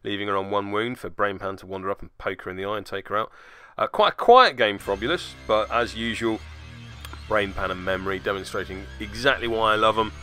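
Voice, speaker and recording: Soft music plays in the background while the British host of a tabletop game battle report channel talks through a casual, unscripted recap. He speaks briskly in a lowish voice with a sharp tone, rambling with wry, self-deprecating humor.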